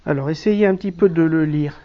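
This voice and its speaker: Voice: mid-range voice, brisk. A teacher leading a classroom lesson on biblical Hebrew, explaining patiently step by step with frequent hesitations. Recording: dull lo-fi classroom recording.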